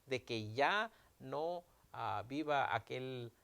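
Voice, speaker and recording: Male pastor, gravelly mid-range voice, preaching with emphatic swells. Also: mid-range voice, expressive, extremely slow, a bit bright. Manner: preaching with emphatic rises, retelling scripture dialogue. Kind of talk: sermon.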